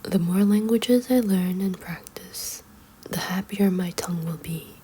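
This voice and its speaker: A woman reads a children's book aloud as ASMR in a hushed, librarian-like whisper. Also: mid-range voice, a little slow, a little hiss or hum, low-quality recording. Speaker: ASMR reader.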